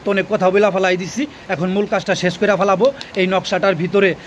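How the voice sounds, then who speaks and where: A man with a high-pitched voice teaches like a folk healer. He talks insistently, repeats key phrases two or three times and keeps asking whether he has been understood. A faint hiss sits under the recording. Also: level tone, brisk. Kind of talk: instructional talk.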